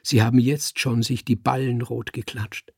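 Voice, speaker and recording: A man voicing an effusive, excitable male composer in an audiobook, with a husky, gravelly voice. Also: mid-range voice, moderate pace, dry recording, studio quality.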